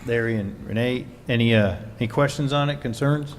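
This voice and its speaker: A man serving as mayor chairs a city council meeting in a relaxed, joking way, with plenty of fillers. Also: mid-range voice, brisk. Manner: relaxed, jokey, many fillers. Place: council chamber. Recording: long reverb in a council chamber, faint noise.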